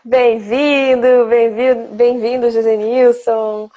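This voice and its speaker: A woman's voice: a little high, level tone, slow pace, dark tone. A woman from Brazil hosting a casual live poetry stream, chatty and greeting viewers by name. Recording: slightly dull lo-fi stream audio.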